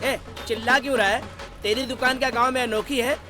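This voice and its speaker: A brash young friend teases and bickers loudly in a dubbed action film. His voice sits high for a man, with a bit of music behind. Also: steady tone, a little fast. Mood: teasing. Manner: brash, teasing.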